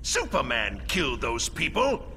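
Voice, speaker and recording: A man's voice: mid-range voice, wildly swooping pitch, measured pace, background noise. An actor playing a gleeful, theatrical madman villain in a video game, mocking and grandiose. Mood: grandiose, manic. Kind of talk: video game cutscene acting. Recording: loud music under the voice.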